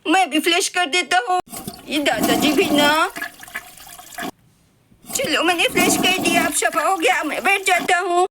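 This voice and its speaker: A woman's voice: very high voice, a little slow, pauses often, very noisy. A woman voicing an impatient young boy who whines and pleads urgently. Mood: disgusted.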